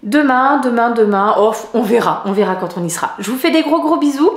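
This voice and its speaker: A middle-aged woman from France chatting in a casual knitting vlog, rambling with many hesitations and soft laughs. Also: fairly high pitch, lively intonation, fairly quick, reverberant. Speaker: knitting vlogger.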